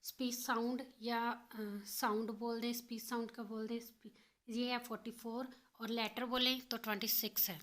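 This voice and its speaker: A woman's voice: fairly high pitch, flat delivery, moderate pace, a bit bright. A woman teaching an exam-prep phonetics lesson, repeating and rephrasing each point and switching between English and Hindi.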